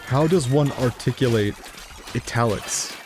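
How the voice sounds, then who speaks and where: A man's voice: mid-range voice, unhurried, music in the background. Chatty man streaming gameplay. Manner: rambling, chatty, swears casually, laughs often. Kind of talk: casual live-stream gameplay commentary.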